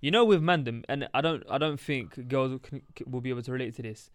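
A man's voice: medium pitch, fast, no echo, clean studio sound. A young man with a London roadman accent and slangy street delivery, hosting a casual podcast chat. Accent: London, urban street slang (roadman). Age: young adult. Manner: slangy urban street way of talking. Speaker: podcast host.

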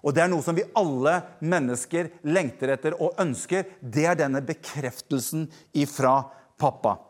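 Guy preaching casual, kinda high voice, lots of restarts and filler words, talks right to people at home. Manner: informal, searching for words with many restarts; directly addresses listeners at home. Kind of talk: conversational sermon.

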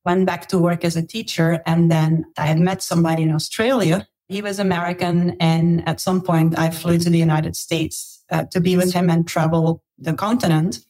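A middle-aged woman from Belgium speaks in a husky, breathy voice that sits a little low. She tells her story as a podcast guest, chatty and laughing, often restarting her sentences. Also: flat delivery, normal speed, hardly any pauses, darkish tone. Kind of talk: casual interview storytelling.

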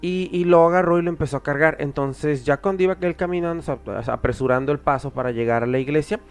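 A man with a Mexican accent hosting a podcast, telling a story in a casual, halting way with many filler words and restarts. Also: a little high, clear, resonant tone, soft background music. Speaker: podcast host.

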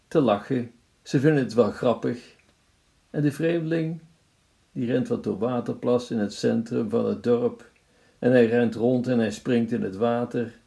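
A man preaching a sermon. He tells a story in a measured way and addresses his listeners formally. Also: medium pitch, vocal fry, dark tone.

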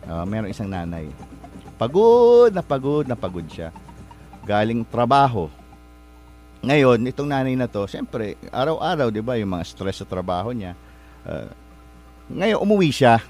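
A man hosting a show, telling a motivational story in a polite, rambling way, often pausing to search for words and correct himself. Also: medium pitch, very animated, a little mellow, soft background music. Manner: polite, addresses listeners with respectful particles. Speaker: host.

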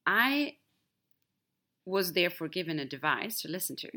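Her voice is fairly low, very animated, bright and forceful, moving at a moderate pace. A Swedish-native woman hosting a podcast, she shares a personal story candidly in a reflective monologue full of wide swings in emphasis.

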